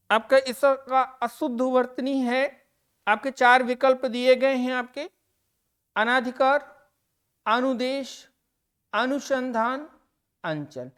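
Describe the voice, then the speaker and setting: A woman teacher giving an exam-prep grammar lesson. She talks slowly and deliberately, repeating and stressing each answer word for her students. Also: a little high, smooth.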